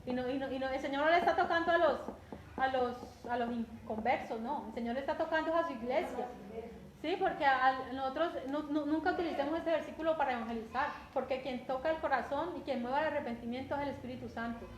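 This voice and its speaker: Predicadora colombiana de voz aguda. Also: female voice, high-pitched, fast talker, highs cut off. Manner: conversational, repeats words, often asks "¿cierto?". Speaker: preacher. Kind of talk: sermon. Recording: echoey room with faint background noise.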